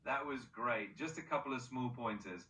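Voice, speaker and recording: A man's voice: medium pitch, moderate pace, sharp tone, roomy sound, far from the mic, a little hiss or hum, low-quality recording. A male-sounding AI voice assistant coaching pronunciation, upbeat and encouraging with frequent praise.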